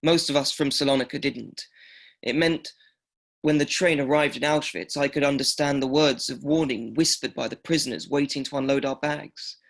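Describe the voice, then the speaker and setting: A gravelly old survivor. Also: male voice, mid-range voice, steady tone, fairly bright tone. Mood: somber. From Greece. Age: older. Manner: slow, halting, repeats himself. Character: elderly male Holocaust survivor, quiet and halting. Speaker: survivor telling his story. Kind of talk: radio documentary drama.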